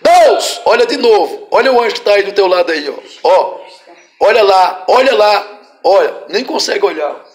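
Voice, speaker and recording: A Brazilian man, a pastor, leading a deliverance prayer with forceful, repeated commands and sudden shouts. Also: high voice, expressive, normal speed. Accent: Brazilian Portuguese.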